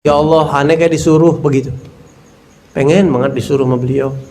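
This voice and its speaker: A man's voice: fairly high pitch, steady tone, fairly quick, darkish tone. A male religious teacher giving a talk, telling personal stories from his student days in a casual, heartfelt way. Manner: casual, heartfelt, acts out scenes and recites verses.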